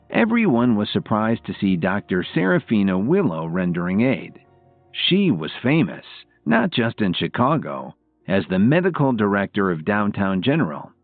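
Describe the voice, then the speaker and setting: Low-voiced, expressive male audiobook narrator. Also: no room sound. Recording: tinny phone-like audio, faint music.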